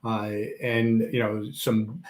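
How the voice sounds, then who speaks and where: A man's voice: lowish voice, little pitch movement, slow, a little mellow. A man interviewing a podcast guest in an upbeat, enthusiastic way, often saying "you know". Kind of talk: casual interview.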